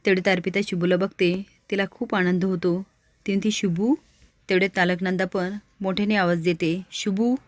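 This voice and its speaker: A woman's voice: lowish voice, fairly quick, dry recording. Woman narrating a story, dry sound. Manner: steady narrating. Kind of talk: storybook retelling of a serial.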